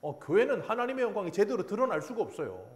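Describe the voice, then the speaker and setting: A man's voice: high-pitched, fast talker. A man pastor preaching a sermon, acting out the voices of biblical figures and chuckling at himself. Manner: animated preaching, acts out God's and Jonah's lines, chuckles at himself.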